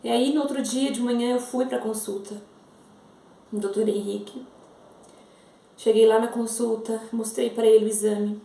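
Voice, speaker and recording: A Brazilian woman in her thirties tells her viewers a heartfelt personal testimony. Her voice sits a little high, with a gravelly fry and a mellow, dark tone. The recording has a noticeable echo from the room. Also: fairly even intonation, moderate pace, pauses often, recorded from a distance. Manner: earnest, repeats phrases, addresses viewers directly. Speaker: mother sharing a faith testimony.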